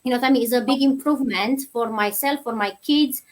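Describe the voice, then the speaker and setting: On an online show, a guest in her thirties, a nursery teacher from Romania, gives interview answers at a quick pace. Her voice is a little high, and her manner is friendly and chatty, peppered with fillers.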